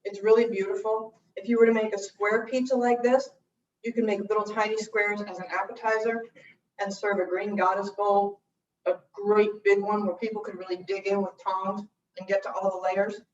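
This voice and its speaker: A woman's voice: medium pitch, level tone, moderate pace. A woman hosting a livestreamed cooking class, chatting casually as she tastes dishes and describes their flavors. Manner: chatty, tasting and describing food aloud. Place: church room. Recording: roomy, dull livestream audio from a distance.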